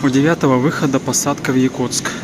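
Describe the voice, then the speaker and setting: A man's voice: mid-range voice, steady tone, quick pace, over music. A man giving a casual trip-report narration as a travel vlogger walking through an airport terminal. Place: large indoor airport terminal. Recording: noisy airport terminal ambience.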